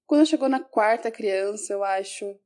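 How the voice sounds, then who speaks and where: Mellow-voiced woman telling a teaching story. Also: mid-range voice, normal speed. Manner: reflective, self-correcting. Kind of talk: personal storytelling.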